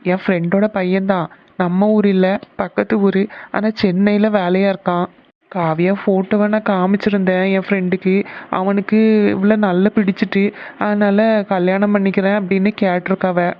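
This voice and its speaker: Woman as a gentle persuading cartoon aunt, mid pitch, dull lo-fi sound. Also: close to an everyday voice. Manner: coaxing, explaining. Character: caring middle-aged aunt bringing a match. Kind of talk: cartoon family serial voice acting.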